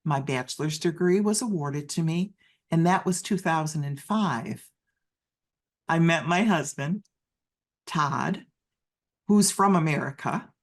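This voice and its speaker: Here an interpreter voices a deaf individual's life story from the first-person perspective. Their medium-pitched speech stumbles along, restarting and fixing itself again and again.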